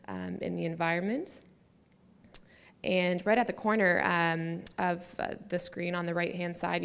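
A woman's voice: on the low side, creaky. A woman presenting slides at a conference, speaking hesitantly with many fillers. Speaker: conference speaker, city public art staff.

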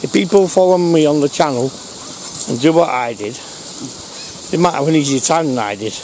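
A woman chatting casually outdoors while training her dog, calling high commands between low, chatty asides. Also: fairly quick. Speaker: dog owner filming training. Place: outdoors in a rural field. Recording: outdoor recording with loud background noise. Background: rural outdoor ambience.

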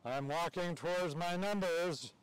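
A man hosts a live contest out in a cow pasture, talking to the people around him in a casual, teasing way. He takes his time between phrases, in a voice a bit higher than most men's. The mood is lighthearted, with running jokes for the crowd. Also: measured pace, clear, resonant tone. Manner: joking, teasing banter with the crowd. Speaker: contest announcer. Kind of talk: casual live event announcing.

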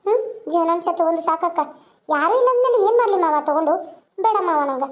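A woman voicing a young orphaned wife in a cartoon, gentle and imploring. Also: very high voice, expressive, fast talker, dull audio. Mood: meek. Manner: tearful, imploring.

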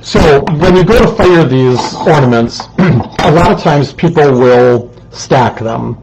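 A ceramics instructor leads a live-streamed craft demonstration from an indoor studio, chatty and explanatory and saying um often, close to a desk microphone while a fan runs. His mid-range voice is animated, slow and gravelly, with background noise.

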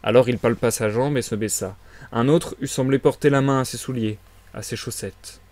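Male reader for a live novel reading, steady narration, dry close mic sound. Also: mid-range voice, moderate pace, dry recording. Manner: steady storytelling delivery.

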